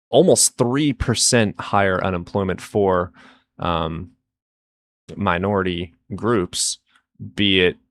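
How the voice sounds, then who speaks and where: Halting low-voiced man citing statistics. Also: fairly bright tone. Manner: hesitant, full of fillers, reads out statistics. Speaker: caller in a debate. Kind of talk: casual debate.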